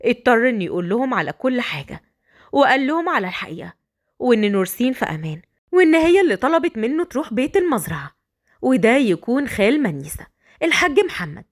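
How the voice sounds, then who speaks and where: A woman with an Egyptian accent narrating a dramatic story in a lively, brisk way. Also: on the high side.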